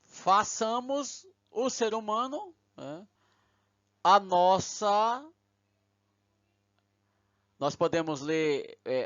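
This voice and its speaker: A man's voice: fairly high pitch, fairly bright tone, no room sound. A man, lecturing patiently step by step and often checking in with his listeners. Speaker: teacher. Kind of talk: recorded lecture. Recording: dull lo-fi recording.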